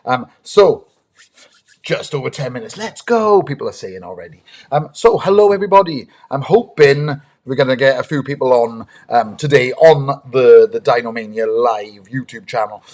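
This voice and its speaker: Lively man hosting a kids' live stream. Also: medium pitch, moderate pace. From United Kingdom. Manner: lively and eager, greets chat viewers, many ums. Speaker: host, dinosaur ranger. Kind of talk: live-stream chat with young viewers.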